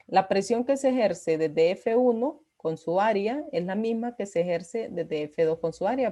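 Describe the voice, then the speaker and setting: A woman's voice: medium pitch, dark tone. A woman teaching a physics class, explaining patiently with frequent "eh" fillers and "¿verdad?" checks. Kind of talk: recorded online class lecture.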